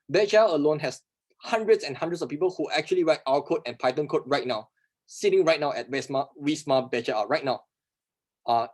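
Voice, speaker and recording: A workshop instructor, a man who isn't a native English speaker, fields questions at a fast, emphatic clip, frequently posing rhetorical questions and answering them himself. His voice sits fairly high and has a slightly mellow quality.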